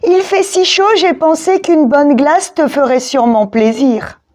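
A woman's voice: high-pitched, normal speed, darkish tone, pitched above the performer's own voice, natural voice. A woman voicing a small, timid boy dinosaur who is bullied, in a storybook.

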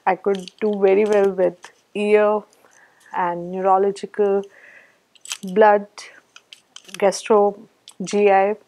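A woman's voice: medium pitch, flat delivery, slow, pauses often, mellow, rough recording. A woman from India with an Indian accent, a hypnotherapist, giving an earnest testimonial.

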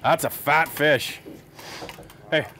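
A man hosting a fishing show, teasing and joking in casual banter out on a boat. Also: a little high. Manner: joking, teasing, quick laughs. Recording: boat and water noise behind.

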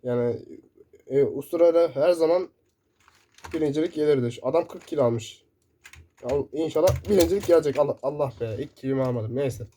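A man commentating his own first-person shooter gameplay, excitable and shouting in bursts, keyboard clicks close by. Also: a little high, brisk. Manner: excitable, shouting in sudden bursts during play. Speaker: gaming YouTuber. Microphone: desk mic picking up keyboard. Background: loud keyboard typing.

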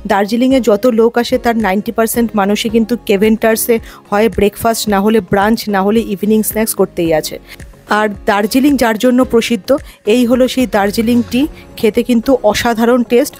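This travel vlog features an Indian woman talking to viewers as she tours, partly voiced over and partly recorded in the moment, with music behind her. Her fairly high voice has fairly even intonation, a quick pace and a darkish tone.

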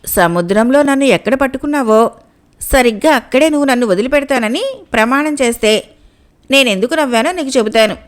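Woman doing a young sea maiden, high voice, calm, knowing, storybook reading. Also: brisk, close to an everyday voice. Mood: knowing, scornful.

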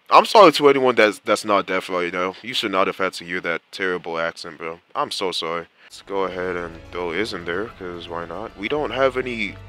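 A man's voice: deep voice, pushed and bright. A young man giving casual, rambling gameplay commentary as a channel host, exasperated and slangy. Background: faint game music.

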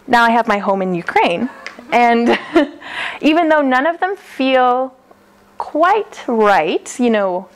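American woman telling a story, laughing often. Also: on the high side. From United States. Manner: chatty, laughs often, acts out quotes. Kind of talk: live personal storytelling. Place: classroom-style hall, indoors. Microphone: far camera.

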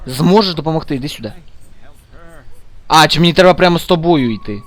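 A man's voice: fairly high pitch, animated, fast. A man giving casual let's-play commentary, chatty and muttering to himself, scolding the game characters as he plays.

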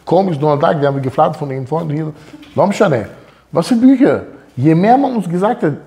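A man preaches in a loose, storytelling way, his pitch swinging widely as he slips into the voices of the people in his anecdotes. His tone is dark and mellow, with a rough, gravelly edge. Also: brisk. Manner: animated, acts out quoted dialogue. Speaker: Torah teacher. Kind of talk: informal sermon with personal stories.

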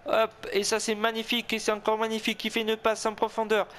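Man, high voice, casting note: excitable gamer commentating his own football match, tense and repetitive, faint hiss behind. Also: fast talker. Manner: tense, excitable, cheering himself on, repeating words. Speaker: gaming video host. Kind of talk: excited self-commentary of a football video game.

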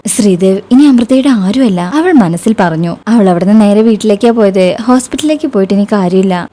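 Warm-toned woman narrating a love story. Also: mid-range voice.

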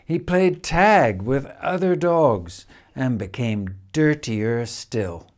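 An older man reads a children's picture book expressively, with measured phrasing and dramatic pauses. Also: mid-range voice, expressive. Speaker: storyteller reading a picture book. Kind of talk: expressive children's storybook reading. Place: indoors, room in a house with stone wall.

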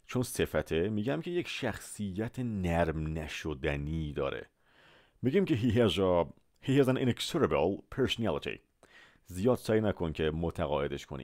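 A man with a low voice teaches English words in a Persian-language lesson. His voice swings animatedly, and he stretches out each example so listeners can repeat it. The sound is dry and close to the mic. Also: a little mellow, no echo. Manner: slow, drawn-out model pronunciations of English words; repeats words and asks listeners to say them after him.

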